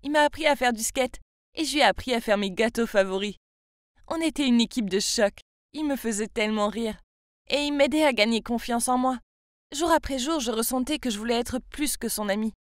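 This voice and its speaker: A woman's voice: a little high, fairly quick, no room sound, clean studio sound. A woman in her twenties from France telling her own story in a confiding, chatty first-person narration. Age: 20s.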